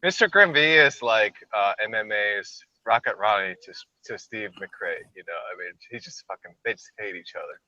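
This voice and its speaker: Brief: man, low voice with a very sharp tone, loose gossipy talk, muffled lo-fi call audio. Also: expressive, normal speed, hardly any pauses, no echo. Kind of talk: casual online hangout chat.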